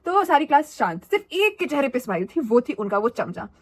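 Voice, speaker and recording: A young adult woman telling a school story in a chatty, animated and dramatic way for her vlog. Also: high voice, a little fast. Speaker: vlogger.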